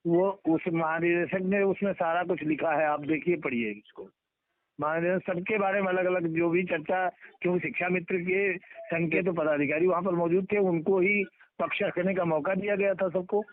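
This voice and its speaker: Repeating phrases for emphasis, a middle-aged union leader chats informally on the telephone in a voice that sits high, with fairly even intonation and a moderate pace. The dry recording of the call sounds muffled.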